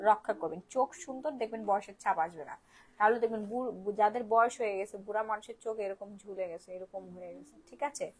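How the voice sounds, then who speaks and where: A woman's voice: medium pitch, poor audio. A woman selling skincare on a phone live stream, repeating prices in pushy sales patter while sounding tired and unwell. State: tired and unwell, speaks softly. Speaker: online shop seller.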